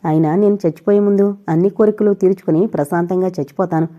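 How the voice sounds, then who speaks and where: Dying young man, halting, out of breath, woman narrator voicing him, storybook, dull lo-fi sound. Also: fairly low pitch, fairly even intonation, natural voice. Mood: faint.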